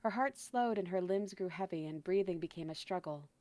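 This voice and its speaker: A woman reading a horror story aloud in a steady, dramatic way, then chatting casually. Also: lowish voice, brisk, no echo. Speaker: guest storyteller.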